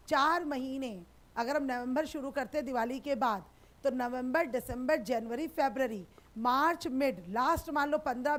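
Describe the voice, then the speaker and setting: A woman teaching sociology, chatting with students in a live online class and reassuring them warmly. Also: sits high. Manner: affectionate, reassuring, calls students beta.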